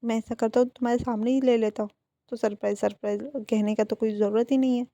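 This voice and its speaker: A woman's voice: on the high side, fairly even intonation, fast, dark tone, dry recording, natural voice. A woman doing a lovestruck young man. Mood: teasing. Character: devoted lovestruck young man, teasing and insistent.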